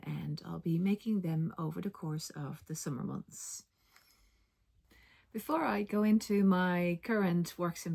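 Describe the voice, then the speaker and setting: Relaxed and chatty, this middle-aged knitting vlogger and linguist from the Netherlands speaks with a light Dutch accent in a fairly low, gravelly voice. She hesitates on ums and self-corrects throughout her casual vlog talk.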